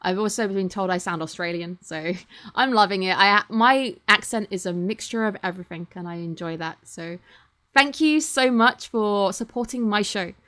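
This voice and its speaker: A British woman in her twenties hosts her channel from a home streaming setup, thanking viewers in a casual, rambling, self-deprecating chat. Her medium-pitched, slightly bright voice moves at normal speed through a computer or webcam mic.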